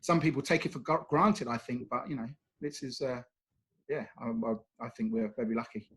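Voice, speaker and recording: Answering interview questions as a brand ambassador, a British man from the UK talks in a chatty, casual way and regularly slips in "you know." His voice is medium-pitched and a bit bright, with a steady tone and moderate pace.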